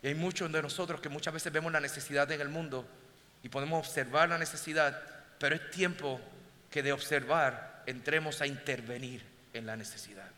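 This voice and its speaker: A man preaches to a congregation in a bright, slightly high voice, carrying his story from quiet, close moments up to ringing calls to the room. The sound has the long reverb of a hall, with faint ambience underneath. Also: fairly even intonation, a little fast. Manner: swings from hushed intimacy to loud exhortation. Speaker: pastor. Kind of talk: storytelling sermon.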